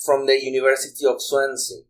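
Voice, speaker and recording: A man's voice: medium pitch, level tone, fairly quick. A man in his forties from Mexico with a Mexican Spanish accent, a guest DJ speaking English in a rambling way and repeating words as he searches for them. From Guadalajara, Mexico. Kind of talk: casual chat.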